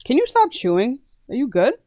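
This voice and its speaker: A woman's voice: sits high, huge pitch swings, a little fast, mellow, no echo, clean studio sound. A young woman hosting a live-stream debate, blunt and combative, often talking over her guests. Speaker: livestream debate host.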